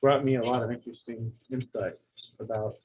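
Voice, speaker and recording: A man in a casual conversation, reflecting out loud and posing questions as he thinks. His voice sits at a middle pitch, with a faint layer of background noise in the recording. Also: steady tone, brisk, low-quality recording. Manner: reflective, musing aloud with questions. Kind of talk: casual chat.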